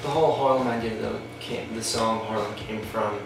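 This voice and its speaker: A drummer from Long Island throws in quick, joking asides in a low-ish voice. He is recorded far off in a very echoey room, with music playing behind. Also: fairly even intonation, creaky. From Long Island, New York. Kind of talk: casual interview.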